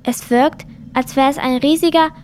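A woman narrator telling a children's adventure story in a lively scripted style. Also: sits high, moderate pace. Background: music.

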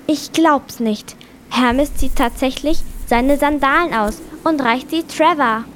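A woman narrator telling a children's adventure story in a lively scripted style. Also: high-pitched, slow pace, slight background noise. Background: music.

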